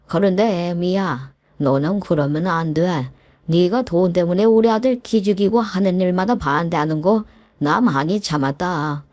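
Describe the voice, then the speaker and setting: A woman's voice: on the low side, measured pace, darkish tone, no room sound, close to an everyday voice. A woman voicing an angry, domineering older father-in-law who scolds his daughter-in-law in a narrated story. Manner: scolding, gruff and bossy.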